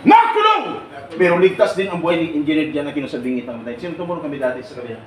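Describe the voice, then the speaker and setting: A man's voice: a little high, sing-song, rapid-fire. A middle-aged man speaking at a seminar, asking the audience questions, joking and laughing often. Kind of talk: lively lecture to a live audience. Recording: echoey room from far off, noisy.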